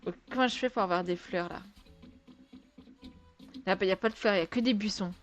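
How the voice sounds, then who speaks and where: A woman's voice: medium pitch, a little fast, lo-fi sound, faint music behind. A woman giving casual let's-play commentary in French, chatty and exclamatory, talking to her viewers with exasperated asides and sighs. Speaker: gaming video creator.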